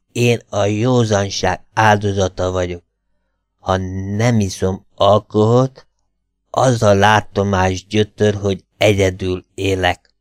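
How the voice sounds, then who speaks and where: Man putting on a slow, drunken old Russian. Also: fairly low pitch, smooth, dry recording, clean studio sound. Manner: slow, slurred, dazed drunken speech. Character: drunken muddled old male Russian hut keeper.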